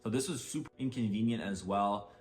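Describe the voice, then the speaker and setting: A young man with a somewhat low voice narrates a vacation mishap for his channel. He talks in a relaxed, conversational way, often leaning on filler words like "like" and "basically.". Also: brisk, faint music behind. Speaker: storyteller. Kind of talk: casual storytime narration.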